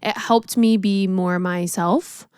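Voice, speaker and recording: A woman in her late twenties chats casually as a podcast co-host, reflective and relaxed, with lots of fillers. Her voice is smooth and clear. The sound is dry and close. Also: medium pitch, takes it slowly, no room sound. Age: 20s. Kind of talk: casual chat.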